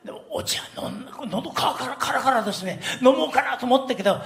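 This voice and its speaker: An older man preaching a sermon as a pastor, telling stories in an animated way and often laughing. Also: very high-pitched, quick pace, creaky.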